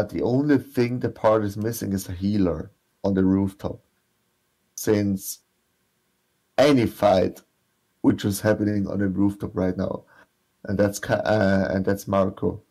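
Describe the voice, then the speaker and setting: Casting: male reaction co-host, thirties, low voice, unhurried and halting, casual chat. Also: fairly even intonation, warm tone, rough recording. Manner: hesitant, halting, repeats himself. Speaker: co-host of a manga reaction show. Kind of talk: casual chat reviewing a manga chapter. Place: small room at home, indoors.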